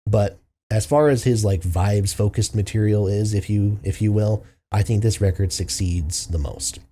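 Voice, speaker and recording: A man's voice: lowish voice, moderate pace, mellow, breathy edge. A man hosting a music review show, talking loosely through albums with many fillers and asides. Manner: loose, filler-heavy, thinking aloud. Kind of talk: casual album review monologue.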